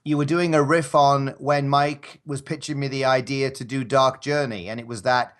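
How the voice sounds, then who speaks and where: Appearing as a podcast guest, an audio drama performer makes casual conversation in a polite, hesitant manner, frequently starting phrases over. His medium-pitched voice is fairly bright, with little pitch movement and a moderate pace.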